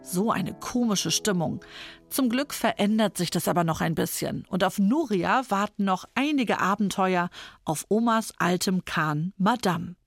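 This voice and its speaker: A woman hosting a children's podcast, chatty and lively, speaking directly to the young listeners. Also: medium pitch, measured pace, no room sound, studio quality, soft background music. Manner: bright, chatty, addresses kids. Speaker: podcast host.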